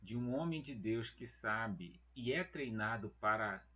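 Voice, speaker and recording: A man teaching a church Bible lesson, talking slowly and deliberately and calling his listeners beloved brethren. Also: fairly low pitch, animated, pushed and bright, highs cut off.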